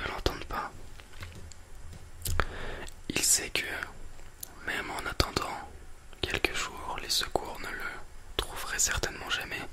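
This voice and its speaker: Leaning in near a binaural microphone, this ASMR host speaks in a hushed, airy library whisper while introducing a book and a film.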